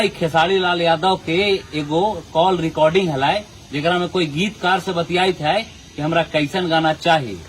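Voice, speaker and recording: With slight background noise, a fairly high-pitched man hosting a channel makes a folded-hands appeal to his viewers, pleading earnestly in casual commentary.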